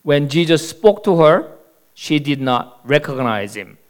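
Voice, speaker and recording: Slow, clear-voiced male pastor. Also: fairly high pitch, very animated. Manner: slow, deliberate storytelling. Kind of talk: sermon with a told joke.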